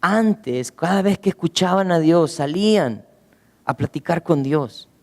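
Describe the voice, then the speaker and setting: A man preaching a sermon as pastor, earnestly asking rhetorical questions and slowing down, going low for emphasis. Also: expressive, vocal fry, a little mellow, in a large hall. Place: church.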